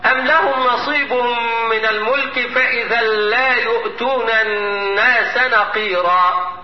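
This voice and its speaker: A man with an Egyptian Arabic accent teaching Quran recitation rules in a classroom lecture, quizzing students and chanting example verses. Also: very high-pitched. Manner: quizzing students, prompting answers. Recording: dull echoey classroom recording, faint noise.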